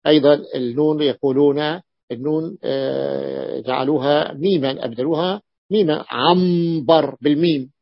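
A man lectures on grammar with a gravelly, fairly high voice. He explains slowly, repeats words, and pauses on long drawn-out hesitations. The recording is dry and dull, with a lo-fi sound. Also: steady tone, dry recording. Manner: slow and explanatory, repeating words and stretching them out. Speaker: teacher of Arabic morphology.

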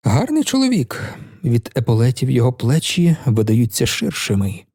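A man's voice: mid-range voice, huge pitch swings, moderate pace, mellow, no room sound, clean studio sound. A man doing bitter, wounded young poet. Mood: spiteful. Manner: muffled, rough, bitter.

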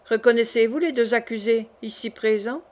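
A woman's voice: on the high side, moderate pace, a little mellow, close to an everyday voice. A woman reading the part of a stern male presiding judge in an audiobook, commanding and curt.

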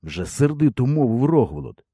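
A man narrating a historical novel as an audiobook in an expressive, measured storytelling manner. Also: mid-range voice, breathy edge, dry recording, clean studio sound.

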